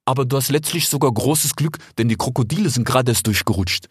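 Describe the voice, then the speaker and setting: A man voicing a smooth-talking male desert fox in a storybook, chatty and persuasive, ending his sentences with little tag questions. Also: mid-range voice, quick pace, no echo, studio quality. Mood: coaxing. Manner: chatty, keeps tagging "ja?" and "ich schwör". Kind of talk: audiobook character voice.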